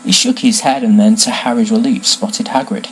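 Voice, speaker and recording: A man's voice: medium pitch, expressive, normal speed, a little hiss or hum, low-quality recording. Man reading a storybook expressively. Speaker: narrator. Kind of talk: reading a novel aloud.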